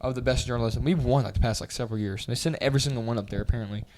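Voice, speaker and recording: A young man on a casual podcast, telling a story in a lively way and acting out the voices of the people in it. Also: medium pitch, rapid-fire. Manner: animated storyteller, acts out voices and hums loudly. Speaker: podcast co-host. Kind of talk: casual chat.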